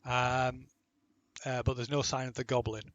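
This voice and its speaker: A man runs a tabletop game, pausing and restarting as he describes the scene. His voice sits at a middle pitch and sounds dry and close, with no room around it. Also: level tone, a bit bright, no echo, highs cut off. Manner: hesitant, many restarts and fillers. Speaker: game master. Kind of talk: running a tabletop game over a call.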